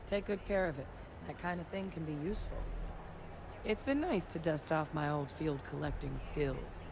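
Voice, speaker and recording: An actress playing a friendly, helpful crew scientist in a video game, courteous and reflective. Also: female voice, low-pitched, moderate pace, a little mellow, slight background noise. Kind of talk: video game character dialogue.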